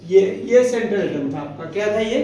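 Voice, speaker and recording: Here a man with a high, mellow voice and lively intonation lectures on chemistry at a normal pace. The classroom echoes as he asks his students questions, answers them himself, and affectionately calls them "beta."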